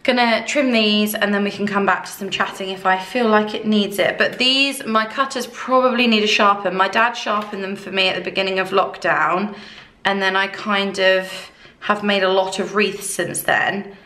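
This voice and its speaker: A woman with a croaky voice, chatting casually through a craft tutorial with many fillers. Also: medium pitch, fairly even intonation, moderate pace, bright, forceful tone. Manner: rambling, conversational, many fillers. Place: room at home under ceiling spotlights. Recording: echoey room.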